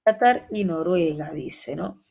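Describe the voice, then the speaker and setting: A woman with a Peruvian Spanish accent teaching an online exam-prep class, quizzing students by name in a lively way. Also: lowish voice, unhurried, creaky. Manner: lively, calls students by name, asks and answers questions.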